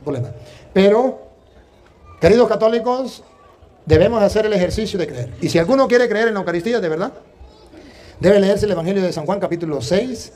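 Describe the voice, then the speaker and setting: A Venezuelan priest with a high-pitched male voice talks fast, preaching and telling stories in an animated, emphatic way, complete with quoted dialogue in his anecdotes.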